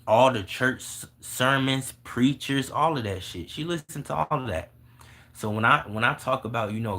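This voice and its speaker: A man's voice: mid-range voice, bright, forceful tone. A young man talking casually and bluntly about spirituality to viewers, swearing freely and laughing often. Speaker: vlogger answering viewer questions.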